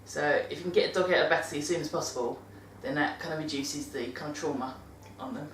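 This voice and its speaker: A fast-talking British woman with a deep voice shares dog-care tips in a casual monthly vlog, chatty and rambling, often breaking off to correct herself. The recording, from a distant mic, sounds roomy with a little hiss or hum.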